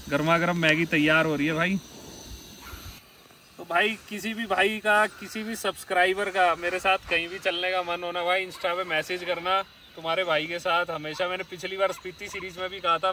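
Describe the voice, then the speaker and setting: A man's voice: a little high, sharp tone, slight background noise. A young man from India, enthusiastically chatting to viewers in a travel vlog, first from inside a car and then on a mountainside. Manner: enthusiastic, addresses viewers as brothers. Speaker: travel vlogger. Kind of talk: casual travel vlog chat.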